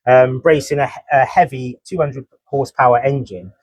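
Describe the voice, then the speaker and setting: A man's voice: mid-range voice, fairly even intonation, normal speed, slightly rough, no room sound. A man co-hosting a podcast, chatting casually about motorcycle racing and reading from his notes. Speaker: podcast co-host. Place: motorcycle dealership event.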